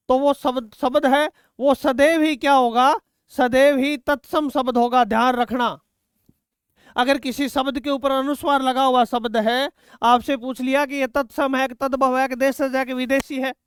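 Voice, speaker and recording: A male grammar teacher lectures in a high, crisp voice that speaks Hindi. He drills key words again and again, stretching them out for his students. The sound is dry and close, with no room echo. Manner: repeats key words slowly, addresses students as "beta". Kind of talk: exam-prep grammar lesson.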